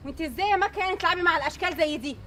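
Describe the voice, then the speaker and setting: A woman's voice: very high voice, racing, fairly bright tone, slight background noise. A woman with an Egyptian accent playing a snobbish rich mother who scolds and looks down on others. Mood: scornful. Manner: scornful, scolding, condescending.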